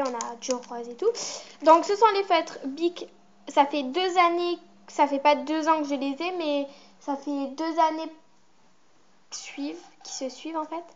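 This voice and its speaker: A chatty teenage girl talking through a casual vlog in a high voice. She rambles and fills her pauses with hesitations. The recording is muffled and lo-fi, with faint hiss and clicks behind her. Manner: chatty, rambling, with many fillers. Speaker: vlogger. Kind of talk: casual show-and-tell vlog.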